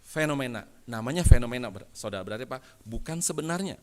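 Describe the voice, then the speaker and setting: A man preaching a sermon as pastor, calling his listeners "saudara" and swinging from soft asides to loud emphatic peaks. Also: medium pitch, expressive, fast. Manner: acts out dialogue in retold anecdotes.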